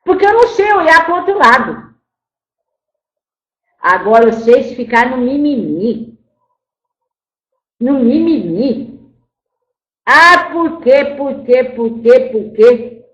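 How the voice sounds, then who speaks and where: Old grandmother spirit put on by a woman, channeled spiritual talk, high voice, keeps saying my child, echoey room. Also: very animated, slow, long pauses, lo-fi sound, heavily acted. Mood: scolding. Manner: storytelling, repeats "my child", scolds then grieves. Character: old grandmother spirit, once enslaved, scolding and tender. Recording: roomy echo.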